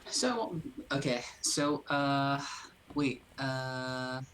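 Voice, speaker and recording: A man's voice: medium pitch, extremely slow, a bit bright, slight background noise, rough recording. A man speaking casually as a tabletop player, tentative and hedging his suggestions.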